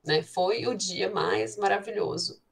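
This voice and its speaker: A woman teacher with a Brazilian Portuguese accent explaining English grammar in an online class, reading English examples slowly and often checking in with "né". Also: mid-range voice, creaky. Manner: switches between Portuguese and slow, carefully spoken English examples; frequent filler "né" checking with students.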